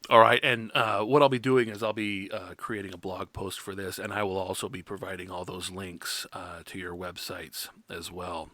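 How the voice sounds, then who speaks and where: A man hosts a casual interview in a fairly low, bright voice. He talks in a halting way, often doubling back to rephrase. The sound is dry, with very little room in it. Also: level tone, dry recording. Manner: halting, circling back over phrases. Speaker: podcast host and interviewer.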